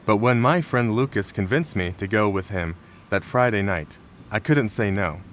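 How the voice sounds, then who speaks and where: A man with a fairly low voice reads a scary story in a measured, unhurried way. His delivery is calm and scripted, and faint rain patters behind him. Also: slight background noise. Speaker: horror story narrator. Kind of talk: scripted narration. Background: rain sounds.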